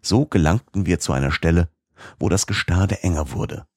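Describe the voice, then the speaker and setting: A man narrating a classic novel in the first person, in a measured, literary reading. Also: deep voice, a little mellow, slightly rough, no echo, studio quality. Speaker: audiobook narrator.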